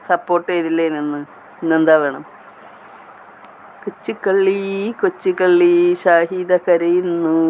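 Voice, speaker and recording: A chatty woman hosts a live stream, reading her viewers' comments aloud and answering them one by one. Her voice stays level and even, with little rise or fall. A faint noise hums behind her. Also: fairly low pitch, low-quality recording. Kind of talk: casual live chat with viewers.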